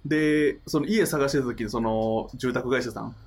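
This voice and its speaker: A man with a Kansai accent, co-hosting a casual podcast chat and telling a story in a relaxed, animated way. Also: mid-range voice, moderate pace. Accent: Kansai Japanese. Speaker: podcast co-host.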